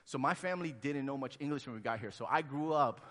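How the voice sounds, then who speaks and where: In a long, reverberant hall, a Honduran pastor in his thirties preaches in a chatty style, performing the quotes he shares. He talks fast in a mid-range voice with a slightly bright tone.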